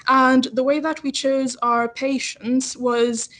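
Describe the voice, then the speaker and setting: A woman's voice: high voice, level tone, slow, fairly bright tone. Young woman presenting over a group video call. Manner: hesitant, many fillers. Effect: heard over a group video call. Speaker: pre-registration pharmacist presenting a project. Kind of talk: project presentation in a webinar.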